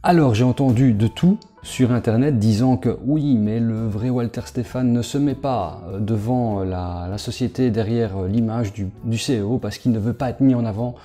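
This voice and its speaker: A man giving a casual screen walkthrough as a YouTuber, talking straight to the viewer and halting with fillers. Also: medium pitch, dark tone, faint music behind. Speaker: crypto investment YouTuber.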